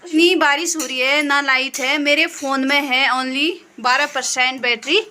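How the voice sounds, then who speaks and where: A woman vlogger with a Pahadi accent from Uttarakhand, chatting in a lively, teasing way with her family. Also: high voice, moderate pace, a little hiss or hum. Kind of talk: casual family vlog chat.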